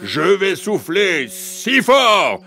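A man voicing a sly, menacing big bad wolf in a children's storybook, drawn-out and gravelly, over music. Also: high voice, wildly swooping pitch, sharp tone, voice pushed up, exaggerated voice. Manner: slow, drawn-out, wheedling then threatening. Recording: music playing underneath.

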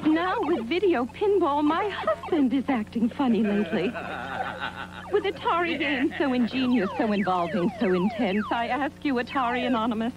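An actress playing an exasperated suburban mother in a comic TV commercial, theatrical and mock-earnest. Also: high voice. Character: exasperated suburban mother writing to a help column. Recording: dull old TV audio over loud music.

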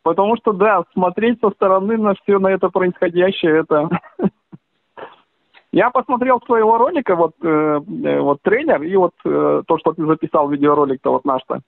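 A male caller with a high voice chats casually. He is agreeable and rambles through hedging phrases. The line is dry, narrow and tinny. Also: normal speed, vocal fry, no echo. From Russia. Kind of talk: casual phone conversation.

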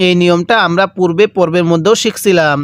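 A man teaching Quran reading, spelling out letters and vowel marks and drawing out syllables slowly for listeners to repeat after him. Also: high-pitched, fairly even intonation, no echo. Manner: draws out recited syllables very slowly. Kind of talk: step-by-step recitation lesson.

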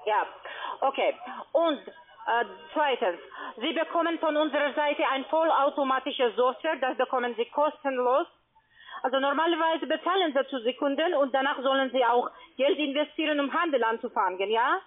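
This is a telephone sales call about trading, made by a female call-centre agent who is not a native German speaker and has a foreign accent. She hesitates often and restates things in different words as she goes. The audio has the tinny quality of a narrow phone line.

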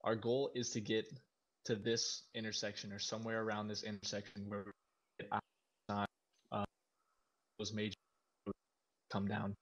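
Male commander, even and methodical, on a choppy radio link that keeps cutting out; muffled lo-fi chat sound. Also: fairly low pitch, unhurried, pauses often. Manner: steady, methodical, plainly giving orders. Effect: voice cutting in and out over game radio. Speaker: team commander. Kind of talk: mission briefing over game voice chat. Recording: dull lo-fi game voice chat.

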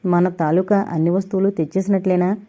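Quick-witted female doctor, brisk short lines, dark mellow tone, read by the narrator. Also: lowish voice, fairly even intonation, lightly acted.

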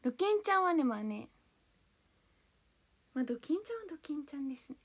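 Bubbly and giggly, this young woman, an idol livestreamer born in Hiroshima and from Kanto, Japan, goes through viewers' comments one at a time, reading and thanking each. She talks fast in a high, sing-song voice.

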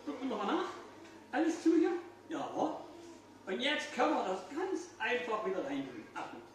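Older guy doing kids party magician patter, really lively up and down voice, far from the mic in a very echoey room. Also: extremely high pitch, moderate pace, slight background noise. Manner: kids party magician, playful questions and exclamations to children. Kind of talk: children's magic show patter. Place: indoors, small restaurant-like room. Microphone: distant phone camera in the audience.

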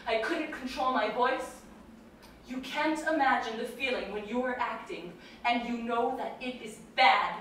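A woman acting a distraught, wistful young actress on stage, drifting between hushed and sudden outbursts, taped from far in an echoey theater. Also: fairly high pitch, a little slow, a little hiss or hum. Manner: dreamy, wandering, drifting between hush and outburst. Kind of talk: stage play performance. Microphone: distant room mic.

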